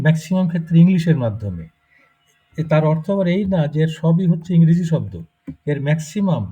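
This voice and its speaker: Husky, dark-voiced man teaching a class. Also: fairly high pitch. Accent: Bangladeshi Bengali. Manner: explains step by step, checks with students. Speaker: German language teacher. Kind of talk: live class lecture. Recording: muffled lo-fi recording.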